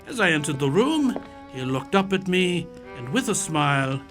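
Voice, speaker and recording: A man's voice: fairly high pitch, very animated, normal speed, a bit bright, faint music behind. A man playing a genial older doctor and loyal companion who tells old stories in a polite, old-fashioned radio-play manner. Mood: storytelling. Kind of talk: radio-play acting and storytelling.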